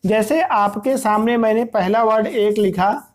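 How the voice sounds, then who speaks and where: A woman's voice: on the high side, measured pace, darkish tone, a little hiss or hum. A woman teacher explaining a grammar lesson for exam preparation, repeatedly addressing her listeners as friends.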